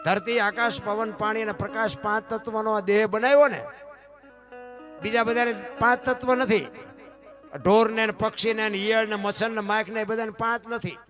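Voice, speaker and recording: A man giving a folk moral talk, his voice sitting high for a man. He keeps turning to his listeners with rhetorical questions. A guitar plays clearly underneath him. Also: fairly even intonation, moderate pace. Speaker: folk storyteller at a dayro gathering. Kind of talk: folk moral discourse to a live audience.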